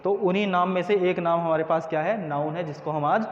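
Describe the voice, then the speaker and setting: A man teaching an English grammar lesson. He asks the students questions, answers them himself, and drills pronunciation slowly. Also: high voice. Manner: slow, drawn-out pronunciation drills. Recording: echoey, dull room recording with faint noise.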